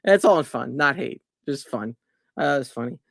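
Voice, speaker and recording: A man's voice: mid-range voice, animated, normal speed, creaky, a bit bright, no echo, clean studio sound. A middle-aged man hosting a casual game chat stream, rambling and correcting himself with frequent chuckles.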